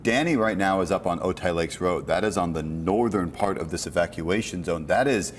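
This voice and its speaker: Deep-voiced male news anchor. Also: a little hiss or hum. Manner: measured, explanatory. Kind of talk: live breaking news anchoring.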